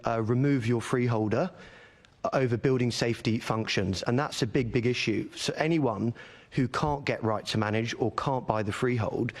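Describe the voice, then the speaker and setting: A man testifying before a committee as a leaseholder campaigner. He argues his points earnestly, in a mid-range voice, and often repeats a word to hammer it home. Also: mid-range voice. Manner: earnest, argumentative, repeats words for emphasis. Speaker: leaseholder campaigner giving evidence.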